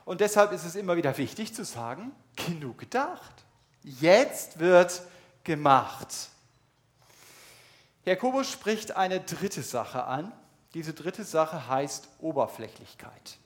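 A man's voice: on the high side, expressive, normal speed. A middle-aged man preaching a sermon at a church service, earnest and emphatic, speaking straight to his listeners.

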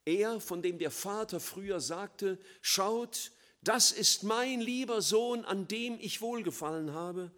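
A man preaching a sermon, swinging between loud emphatic lines and quiet, low, slow passages.

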